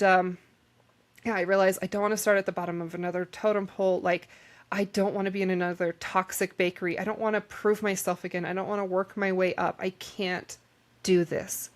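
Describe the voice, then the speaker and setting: A young woman hosting a podcast, candidly telling a personal story in a rambling, emotional way. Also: mid-range voice. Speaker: podcast host.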